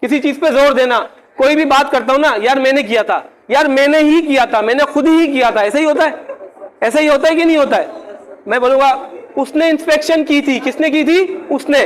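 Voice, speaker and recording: Very high-voiced man teaching a grammar class. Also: poor audio. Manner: keeps checking if the class follows; slows down to spell out example words. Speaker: English teacher.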